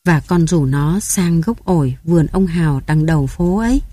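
A woman's voice: sits low, normal speed, dark tone, slightly rough, no echo. A woman voicing a grieving mother who was cast out by her family, speaking in a tearful, choked, pleading voice. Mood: hushed urgent.

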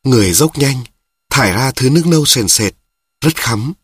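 A man narrating a first-person story in a plain, measured, somber way. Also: medium pitch, lively intonation, breathy edge, dry recording.

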